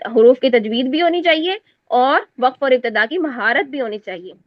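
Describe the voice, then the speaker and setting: A high-pitched woman teaches a class on Quran recitation. She explains each point step by step and keeps checking that her students understand. The recording is dry and a little dull. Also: expressive, no room sound. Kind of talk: class lesson explaining exam answers.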